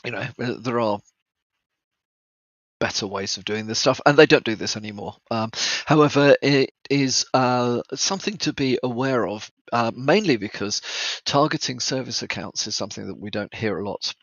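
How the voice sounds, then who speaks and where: A man with a croaky, cold-affected voice gives an informal news briefing as host, speaking haltingly with frequent ums and broken phrases. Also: mid-range voice, fairly bright tone, no room sound, highs cut off.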